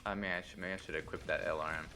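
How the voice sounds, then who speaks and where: Male squad leader, energetic game callouts, forceful tone. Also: sits low, soft background music. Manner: energetic, directive, quick to cheer.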